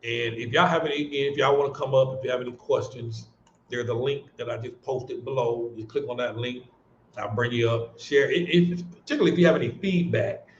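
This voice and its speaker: A man's voice: medium pitch, fairly quick, lo-fi sound, a little hiss or hum. Earnest rambling American man, roomy stream audio. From United States. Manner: earnest, rambling with many restarts and fillers. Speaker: livestream host. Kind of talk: casual livestream chat.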